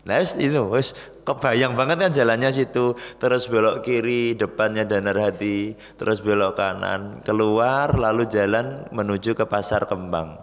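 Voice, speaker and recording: A man with a Javanese accent telling a lively story in a sermon, acting out the voices of the people in it, recorded in a mosque. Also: fairly low pitch, normal speed. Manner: lively storyteller who acts out voices, mixes in Javanese phrases. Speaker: preacher. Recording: echoey mosque hall.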